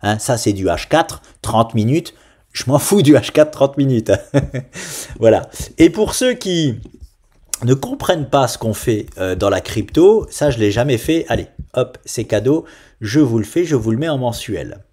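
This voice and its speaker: A man from France hosting an investing channel, giving casual, animated market commentary and talking straight to his viewers. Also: mid-range voice, a little slow, breathy edge. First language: French. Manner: animated, ranting, direct address to viewers.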